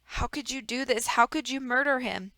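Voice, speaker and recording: A woman voicing a clever, frightened boy who speaks hoarsely and tries to sound firm. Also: high voice, moderate pace, pushed and bright, dry recording. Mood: anguished. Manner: hoarse, strained firmness.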